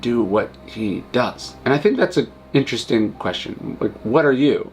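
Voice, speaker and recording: A man's voice: on the low side, vocal fry, slight background noise. A man giving a casual but earnest commentary on philosophy and a film, repeating words and building to emphatic points. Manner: earnest, emphatic, rising intensity on key points; verbal restarts, conversational. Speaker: host.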